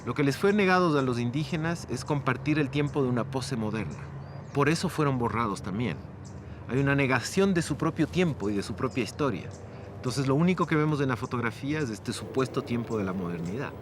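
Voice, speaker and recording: A man's voice: medium pitch, background noise. A man with an Ecuadorian Spanish accent, explaining in an academic way as a curator in a documentary interview.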